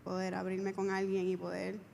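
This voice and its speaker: Hesitant young woman, flat voice. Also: medium pitch, normal speed, vocal fry. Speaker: pastor's daughter giving testimony. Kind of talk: church testimony. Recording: hall reverb, faint room noise.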